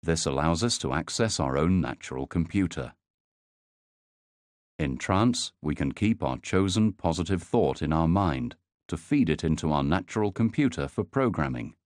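Deep-voiced man guiding sleep hypnosis. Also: lively intonation, no echo, clean studio sound. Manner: slow, soothing, measured delivery.

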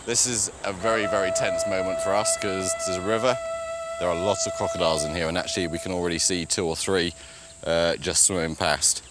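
A man with a very low voice speaks casually outdoors in the bush, pausing on ums and uhs as he explains his work. Loud music and chirping insects sit behind him. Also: fairly even intonation. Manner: casual, with frequent fillers. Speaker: conservationist. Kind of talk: explaining to camera in the field.

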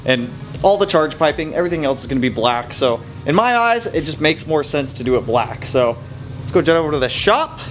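A man casually narrating his car build, chatty and relaxed, with slangy shop talk and frequent "uh"s, working in a garage. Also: on the high side, a little fast, slight background noise.

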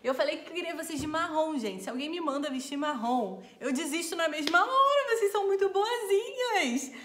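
Bright giggly young woman. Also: high-pitched, moderate pace, slight background noise. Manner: giggly, laughs often, animated. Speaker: bride and vlogger. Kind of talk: casual vlog chat.

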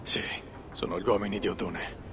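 A man's voice: low voice, steady tone, normal speed, over music, close to an everyday voice. A man playing a composed Viking warrior on a search in a video game dub. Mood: focused, pensive. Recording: clear background noise from game ambience.

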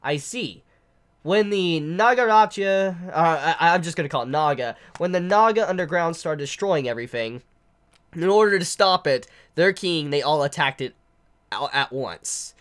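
Indoors in a living room with a couch, a congested young man in his twenties reviews a manga chapter to camera while down with the flu, rambling and stammering over fictional words. His slightly high voice is smooth and a bit bright, with lively intonation at a normal speed.

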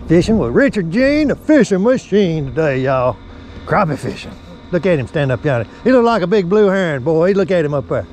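Older man, fishing vlog host, folksy and excitable, high animated voice, outdoor camera mic. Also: moderate pace, slight background noise, low-quality recording. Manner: folksy, laughing, drawling exclamations. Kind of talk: casual outdoor fishing chat. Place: small boat on a river, outdoors.

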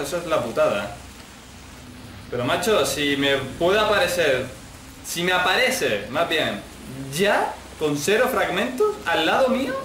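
A man from commenting casually on a horror game, excitable, swearing and yelling at it. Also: a little high, reverberant, distant mic, slight background noise. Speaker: gameplay commentator.

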